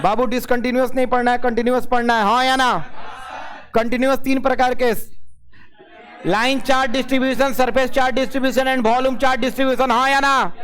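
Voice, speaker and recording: A man's voice: extremely high pitch, a bit bright, a little hiss or hum. A male physics teacher, lecturing a classroom and constantly asking the students yes or no. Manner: drills the class with repeated "yes or no?" checks; dictates definitions slowly, word by word.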